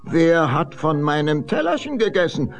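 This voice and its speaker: A man voicing seven kindly little dwarfs in a fairy-tale reading, in a lively, questioning tone. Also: a little high, moderate pace, muffled recording, faint music behind, voice pushed up. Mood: puzzled. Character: seven small, fussy male dwarfs, kindly miners.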